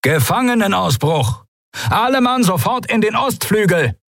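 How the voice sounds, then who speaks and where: A man voicing a male pirate guard who shouts a prison-break alarm over a PA system in an audiobook. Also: sits high, sing-song, normal speed, no echo, clean studio sound, voice pushed up, full character voice. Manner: urgent, bellowing announcement. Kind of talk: audiobook character voice.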